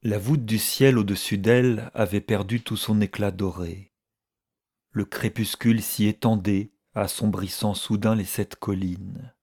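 A man narrating a story in a measured, even audiobook reading. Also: lowish voice.

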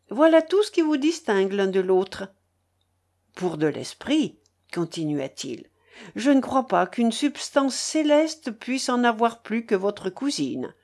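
A woman's voice: medium pitch, darkish tone. A woman reading the part of a gallant, admiring young nobleman in a storybook, with earnest, courtly speech.

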